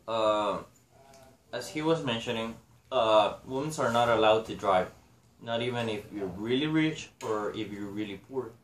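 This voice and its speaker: A man's voice: fairly low pitch, moderate pace. A young man gives a class presentation in English, hesitant and full of filler sounds, recorded on a laptop mic in a small room. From Honduras. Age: young adult. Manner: hesitant, many filler uhs. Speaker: student presenter. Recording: echoey room.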